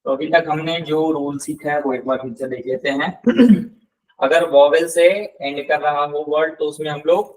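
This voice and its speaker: A man teaching a live language class, patiently repeating words slowly and quizzing his students. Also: fairly high pitch, steady tone. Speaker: Spanish tutor. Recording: voice somewhat distant from the mic.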